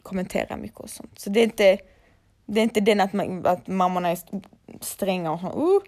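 A woman's voice: medium pitch, fairly even intonation, a little mellow. A young woman, a laser hair removal technician, chatting casually and bluntly to her followers and swearing freely.

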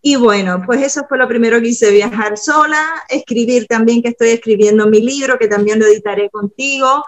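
A woman from Cuba chatting as a podcast guest, talking through her daily habits and often slowing down to explain them. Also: a little high. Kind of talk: casual podcast chat.

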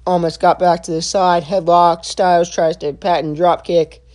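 A young man giving a casual spoken review, halting and full of filler sounds and restarts. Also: high voice, little pitch movement, a little mellow. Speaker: wrestling show reviewer.

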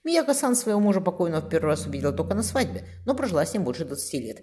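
A woman's voice: fairly low pitch, sing-song, racing, warm tone, voice pushed up. A woman voicing a sad fifteen-year-old girl in an audiobook. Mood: resigned. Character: resigned teenage girl, wistful and sad.

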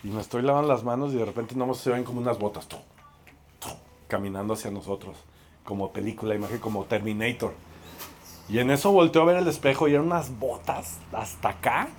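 Mexican man telling a lively sermon story. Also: medium pitch, brisk, a little hiss or hum. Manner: lively, self-mocking, acts out voices. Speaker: preacher.

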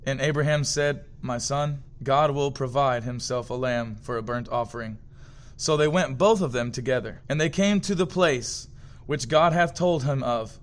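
A man reading a long scripture passage aloud in a steady, measured way. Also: medium pitch. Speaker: scripture reader.

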